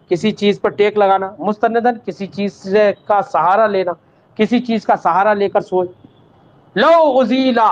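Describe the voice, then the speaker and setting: A man teaching an Islamic law lesson. He recites Arabic text, then explains it patiently, calls the students "child" and checks that they understood. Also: high voice. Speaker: religious teacher. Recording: dull lo-fi recording.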